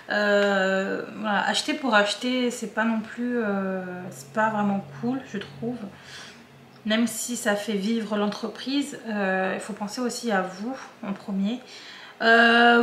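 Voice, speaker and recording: A woman's voice: medium pitch, fairly bright tone, reverberant, slight background noise. A woman with a regional French accent, chatting casually to her viewers about diamond painting kits, often hesitating with fillers and restarts.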